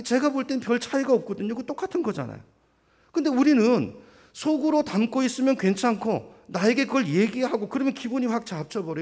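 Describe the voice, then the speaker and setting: High, lively Korean pastor preaching. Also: male voice. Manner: animated preaching, rhetorical questions to the congregation; acts out quoted voices of others. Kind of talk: sermon.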